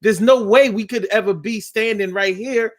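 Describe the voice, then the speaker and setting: A fifty-year-old man hosting a call-in talk show. His voice sits a little high for a man, and he speaks with fervor, doubling back on words as he drives his argument home. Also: moderate pace. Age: 50s. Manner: impassioned, repeats words when building a point.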